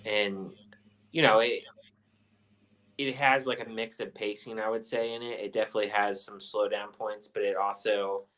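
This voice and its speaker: A man's voice: fairly low pitch, steady tone, moderate pace, a bit bright, rough recording. A man hosting a casual movie chat, talking in a loose, rambling way with plenty of fillers. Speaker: host of a movie review chat.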